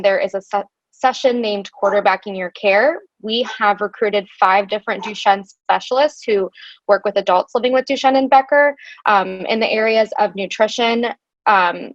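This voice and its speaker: Over dull, dry lo-fi call audio, a woman with a mid-range voice presents a webinar from slides. She is the conference organizer, talking chattily into a computer mic and saying um often.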